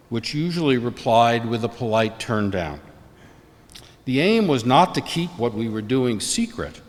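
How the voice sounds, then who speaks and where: An older man delivers a prepared memorial eulogy, reading his formal remarks in a measured, deliberate way. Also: medium pitch. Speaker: eulogist, former colleague and professor. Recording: long hall reverb.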